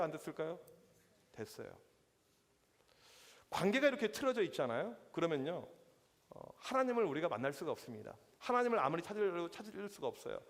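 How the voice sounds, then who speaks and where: A young man preaching a youth sermon as pastor, telling stories and acting out the lines of people in them. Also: sits high. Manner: lively storytelling with acted-out quotes. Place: church hall. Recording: reverberant church hall.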